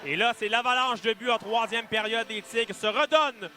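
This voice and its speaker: A man with a Quebec French accent giving animated live colour analysis of a hockey game. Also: very high voice, moderate pace, slight background noise.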